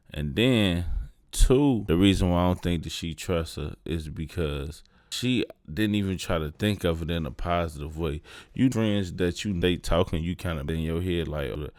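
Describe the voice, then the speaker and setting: A man's voice: low voice, a little mellow, no room sound, clean studio sound. A man hosting his own show, giving laid-back commentary on a clip and talking straight to his viewers. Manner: laid-back, conversational, addresses viewers directly. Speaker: host.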